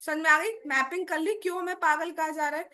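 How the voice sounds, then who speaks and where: A woman's voice: very high voice, steady tone, a little fast, bright, forceful tone. A young woman giving a conversational devotional class, explaining a scripture reading, asking her listeners questions and mimicking other people's excuses.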